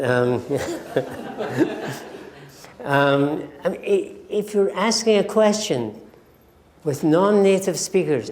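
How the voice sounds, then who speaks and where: An older man from Scotland with a Scottish accent, giving a deliberate lecture on medical communication and acting out example phrases. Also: a little high, darkish tone.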